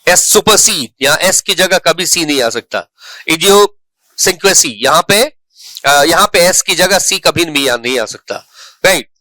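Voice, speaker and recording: High bright-voiced man teaching English. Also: animated, dry recording. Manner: explains slowly, repeats words, checks in with "right". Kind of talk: online lecture on spelling.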